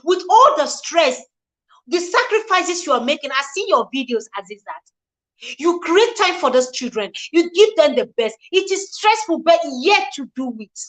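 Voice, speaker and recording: On a low-quality recording, a high-pitched, sing-song woman in her forties hosts a live relationship show at a moderate pace. Her earnest delivery falls into a repetitive, preachy rhythm, and she welcomes viewers by name.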